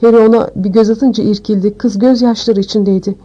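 A woman reading an audiobook aloud with expressive storytelling. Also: medium pitch, fast, dull audio. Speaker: audiobook narrator. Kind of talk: scripted audiobook narration.

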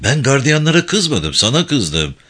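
A man's voice: medium pitch, big pitch swings, measured pace, bright, forceful tone, slightly rough, full character voice. A man playing a proud, stubborn old notable. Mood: defiant. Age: older. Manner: haughty, defiant. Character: proud elderly local notable, stubborn and threatening.

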